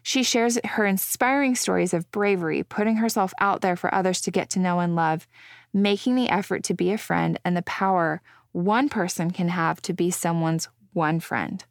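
A woman's voice: lowish voice, moderate pace, dry recording, clean studio sound. A woman hosting a podcast interview, speaking in an enthusiastic, gushing manner. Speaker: podcast host. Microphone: video call.

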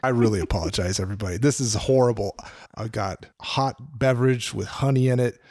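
Husky-voiced man with a cough. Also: mid-range voice, a little fast, a little mellow, no room sound, clean studio sound. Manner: apologetic, laughing. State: fighting a cough. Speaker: podcast co-host. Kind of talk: casual chat.

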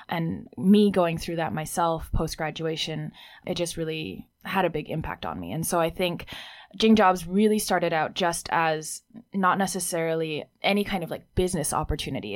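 A woman's voice: low-pitched, no room sound, clean studio sound. A young woman from Hong Kong, a company founder, talking through her story in a reflective way, with plenty of "you know" and "I guess" fillers. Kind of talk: casual interview talk. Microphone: phone or remote line.

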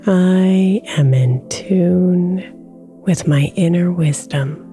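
A woman guiding a sleep meditation with affirmations, speaking softly and slipping into whispers, over soft music in the background. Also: on the low side. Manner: slow, soft-spoken, drifting into whispers. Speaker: meditation guide.

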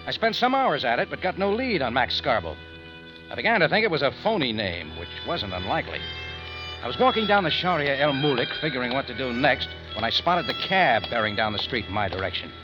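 A man's voice: medium pitch, big pitch swings, fairly quick, natural voice. An actor playing a tough, hard-boiled adventurer who narrates his own story in an old radio drama, with a clipped, wry delivery. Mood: hard-boiled narration. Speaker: narrator and lead. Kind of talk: 1950s radio drama acting. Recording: dull old radio broadcast with music.

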